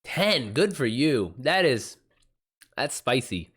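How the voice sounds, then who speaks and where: This American man chats on a livestream, reacting aloud to what viewers write and peppering his talk with slang; he's the host and a self-published author. Expect a mid-range, sing-song voice, slow pace, slight brightness, and a breathy edge.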